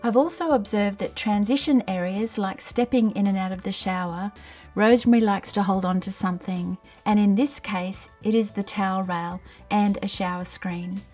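Middle-aged woman, occupational therapist, mid-pitched, calm and measured training narration. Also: distant mic, faint music behind. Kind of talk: scripted training narration and gentle client questioning. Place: small tiled bathroom in a home.

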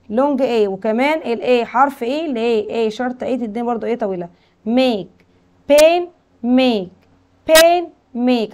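A woman teacher with an Egyptian Arabic accent who explains a school English lesson, reading English lines slowly and translating them with questions to her pupils. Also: a little high, darkish tone.

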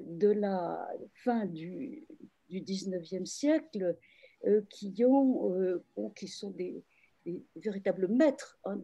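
A woman who translates literature talks about her craft during a video-call panel, her mid-range voice mellow. She's thoughtful and unsure, frequently stopping and starting over.

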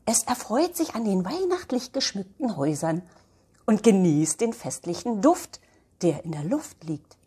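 Woman voices soothing storybook mom, slow and soft, breathy, lilting. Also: mid-range voice, sing-song, full character voice. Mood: tender. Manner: warm soothing explaining tone. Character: gentle loving young mother.

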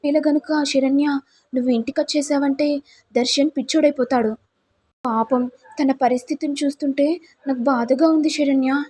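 A woman's voice: high voice, fairly even intonation, moderate pace, mellow, voice pushed up, lightly acted. A woman doing a gloating, scheming young sister-in-law. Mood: sly concern. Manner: gloating, taunting.

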